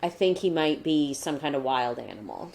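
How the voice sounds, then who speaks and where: Lowish-voiced woman rambling on a podcast, says like a lot, goes mock newscaster sometimes. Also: lively intonation, moderate pace, vocal fry, darkish tone. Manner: chatty, rambling with many likes; mock newscaster voice in her cat segment. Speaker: podcast co-host. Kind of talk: casual chat.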